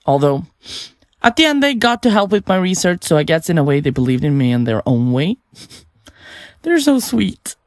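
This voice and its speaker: Gleeful and self-assured, the actress voices a self-absorbed female podcaster and unrepentant serial killer who murders for her podcast, now a suspect being interrogated. She's chirpy, blithe, chatty and flippant, her very theatrical delivery rising and falling with self-regard. It's audio drama in a dry, echo-free space, at a fairly low pitch and moderate pace.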